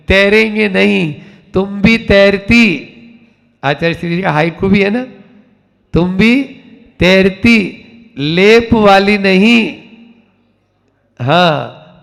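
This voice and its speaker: A man, a Jain monk, giving a slow sermon that repeats emphatic refrains as he teaches. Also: high-pitched, gravelly, fairly bright tone, big-room sound.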